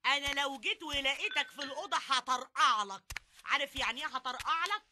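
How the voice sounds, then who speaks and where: A woman's voice: sits high, fast, natural voice. A woman playing a bossy mother with an Egyptian accent, nagging and threatening her idle son.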